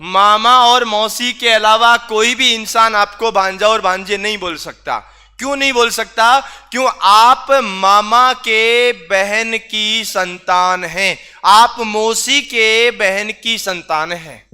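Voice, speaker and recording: Male teacher, high voice, slow deliberate delivery, questioning and teasing. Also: bright, forceful tone, clear, resonant tone. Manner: questions students, teasing and repetitive. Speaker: reasoning teacher. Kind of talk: online class lecture.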